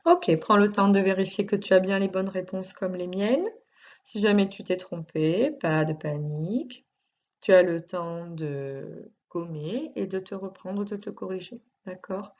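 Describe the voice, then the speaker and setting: A woman teacher at a medium pitch walks a small child through a reading exercise, taking her time and stretching each word so it can be heard clearly. Her tone stays patient and reassuring throughout. The recording sounds dull and lo-fi. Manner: slow, carefully articulated, stretching words for early readers; patient and reassuring, speaking directly to one child. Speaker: primary school teacher. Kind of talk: recorded video lesson for young children.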